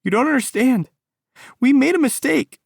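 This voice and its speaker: A woman's voice: lowish voice, fairly even intonation, slow pace, a little mellow, husky, dry recording, clean studio sound, voice pushed up. A male audiobook narrator voicing a whiny, melodramatic teenage girl who pleads tearfully. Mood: screaming.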